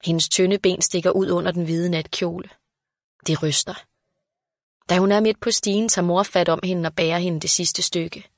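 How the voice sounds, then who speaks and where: Low-voiced woman reading a story. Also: fairly even intonation, no room sound, clean studio sound. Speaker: narrator. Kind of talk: reading a children's story aloud.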